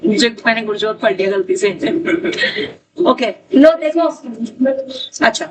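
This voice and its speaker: A woman's voice: medium pitch, expressive, unhurried. A woman math teacher who drills her students, repeats her questions and calls on them by name. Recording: distant mic with faint noise.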